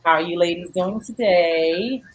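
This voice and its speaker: A woman's voice: lowish voice, measured pace, slight background noise, rough recording. Chatty woman hosting a podcast. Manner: loose and chatty, repeats "you know what I'm saying". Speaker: podcast host. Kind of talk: casual podcast chat.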